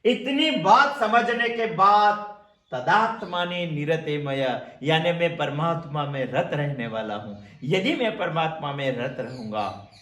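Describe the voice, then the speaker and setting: A man giving a slow spiritual discourse on scripture, repeating his phrases for emphasis and chanting verses. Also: a little high, big pitch swings, a bit bright, echoey room. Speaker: Upanishad teacher.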